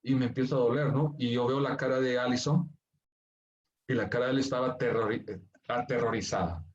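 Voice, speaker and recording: A man from Bolivia preaching as a pastor, turning from hushed, tender storytelling to emphatic pleading. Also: mid-range voice, fairly even intonation, brisk, muffled recording. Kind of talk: sermon.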